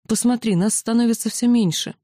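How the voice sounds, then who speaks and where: A woman's voice: on the high side, a little fast, warm tone, no echo, studio quality, pitched above the performer's own voice, close to an everyday voice. A woman reading as a worried young mage girl. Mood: worried, insistent. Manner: urgent, insistent. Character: young female mage student, worried and talkative.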